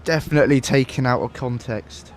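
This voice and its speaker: A man's voice: medium pitch, a little fast, faint music behind. Chatty man streaming a flight sim. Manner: relaxed, chatty, laughs often. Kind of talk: casual livestream chat while flying. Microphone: headset microphone.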